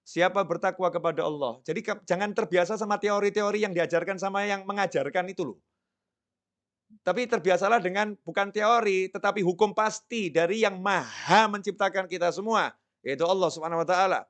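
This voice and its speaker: A fairly high-pitched man delivers a sermon. He tells stories with animation and drops into a low, soft voice to act out prayers. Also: brisk. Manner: lively storytelling, acts out prayers in a low soft voice. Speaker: preacher.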